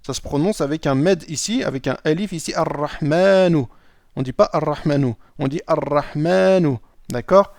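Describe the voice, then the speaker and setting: Male teacher, slightly high voice, dry close mic, patient lesson delivery. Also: brisk, dry recording. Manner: checks in with "d'accord?" often. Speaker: Arabic teacher. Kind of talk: explaining a lesson.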